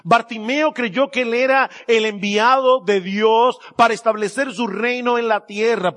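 High-voiced male preacher giving a sermon. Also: fairly bright tone. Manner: emphatic, slows down to stress key words.

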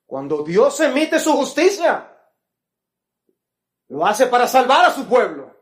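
A man's voice: extremely high pitch, big pitch swings, takes it slowly. A man preaching a sermon, reading scripture with swelling fervor.

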